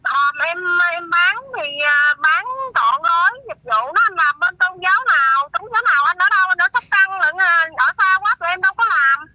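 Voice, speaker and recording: A woman's voice: very high-pitched, normal speed, hardly any pauses, sharp tone, slight background noise. A woman from Tây Ninh who runs a funeral service, answering a phone call in a polite, businesslike way. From Tây Ninh, Vietnam. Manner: polite, businesslike, asks questions. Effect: heard over a phone line. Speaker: funeral service shop owner taking a call.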